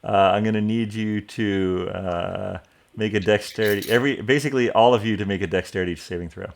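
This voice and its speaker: A man narrating as dungeon master in a relaxed way, pausing on fillers. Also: fairly low pitch, gravelly, a little hiss or hum. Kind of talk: narrating a tabletop game.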